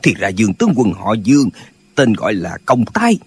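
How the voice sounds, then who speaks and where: A man voicing a band of quarrelsome, pedantic old martial-arts brothers in an audiobook, with a husky voice. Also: on the low side, wildly swooping pitch, fairly quick, darkish tone, full character voice. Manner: bickering, pedantic, squabbling.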